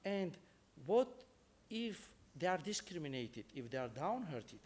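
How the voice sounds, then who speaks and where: A man with an Armenian accent giving an earnest, somewhat halting speech as a judge moderating a conference panel. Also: high voice. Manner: earnest, halting non-native phrasing.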